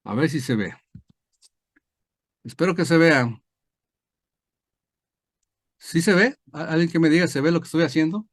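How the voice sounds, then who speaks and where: A pastor teaching a Bible study over a video call, explaining step by step with many fillers and tag questions. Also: male voice, fairly high pitch, unhurried, long pauses, no echo, clean studio sound. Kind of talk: online screen-share Bible lesson.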